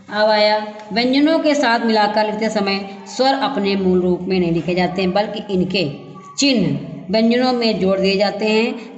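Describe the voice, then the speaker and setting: A woman teaching a grammar lesson, asking questions and answering them herself, sounding out syllables slowly. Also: lowish voice. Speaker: school teacher. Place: classroom or room at a school. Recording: dull echoey room recording.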